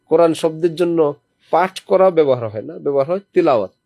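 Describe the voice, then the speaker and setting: A man's voice: fairly high pitch, expressive, brisk, vocal fry, mellow, no echo. A man preaching a sermon to a small gathering, reciting verses as examples and putting questions to his listeners. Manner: teaching with recited Quranic examples. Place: lodging during a visit to a holy city.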